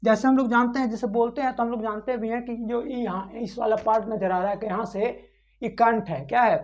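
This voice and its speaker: A woman's voice: a little high, steady tone, fairly quick, muffled recording. A woman teaching a grammar lesson, asking the class questions, answering them herself and repeating the key points.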